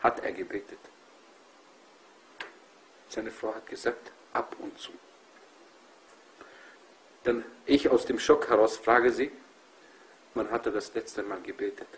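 A man's voice: fairly low pitch, steady tone, slow pace, long pauses, poor audio. A man preaching passionately to a group of brothers, emphatic and full of rhetorical questions. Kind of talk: impassioned religious talk.

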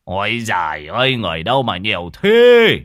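A bossy old village sorcerer, put on by a storytelling man, barking orders in a raised, pitched-up voice. He is brusque and impatient and swings his voice up and down. The voice is dry and close to the mic. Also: very animated, a little slow, bright, forceful tone, dry recording, exaggerated voice. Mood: scolding.

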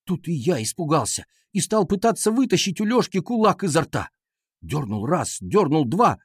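Expressive children's audiobook narrator, male, slightly high, husky. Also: no echo, studio quality. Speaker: audiobook reader. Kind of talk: scripted narration of a children's story.

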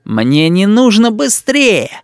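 A shrill spoiled little boy. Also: sing-song, no room sound, studio quality, exaggerated voice. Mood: demanding. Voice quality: shrill, drawn-out whining. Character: spoiled bossy little boy, indignant and demanding.

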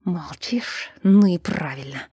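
A woman voicing a vengeful male spirit that possesses a girl, talking in a low, slow, hissing whisper. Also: warm tone, husky, no room sound, studio quality, full character voice. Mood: menacing.

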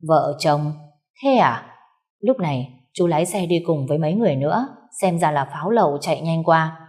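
A woman narrating a story in an even reading voice, giving the characters' lines a little more force. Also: low-pitched, fast talker.

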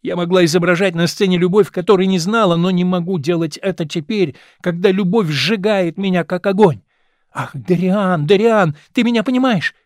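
A man's voice: high voice, normal speed, no room sound, clean studio sound, voice pushed up, close to an everyday voice. A man reading as a young actress in love. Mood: rapturous. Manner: earnest, declamatory reading.

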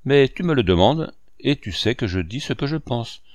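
A man reading an audiobook, voicing a precocious young boy who speaks curtly, dryly and gravely. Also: medium pitch, animated, moderate pace, no echo, voice pushed up, natural voice. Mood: curt, severe. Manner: curt, dry and grave. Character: precocious blunt young boy, serious critic.

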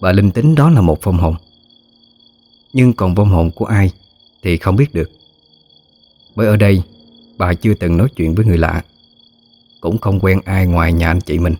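A man narrating a ghost story in a steady, scripted storytelling manner. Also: deep voice, normal speed, long pauses.

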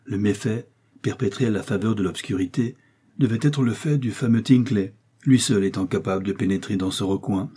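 A man reading a classic novel aloud as an audiobook, in a measured storytelling manner. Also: lowish voice, dark tone, breathy edge. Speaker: audiobook reader. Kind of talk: literary audiobook narration.

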